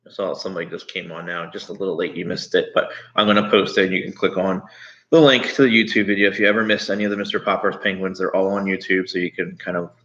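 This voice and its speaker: A man teaching third graders online gives them informal, conversational instructions, reading aloud and talking through assignments. His voice is low, steady, fast, and fairly bright, though the recording sounds dull and lo-fi.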